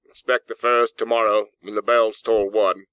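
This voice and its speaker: A man voicing the remorseful, solemn ghost of a dead businessman in a storybook, declaiming with drawn-out, wailing words. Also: on the low side, little pitch movement, bright, forceful tone, clean tone, no room sound, rough recording. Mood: solemn warning. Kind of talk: dramatic audiobook character acting.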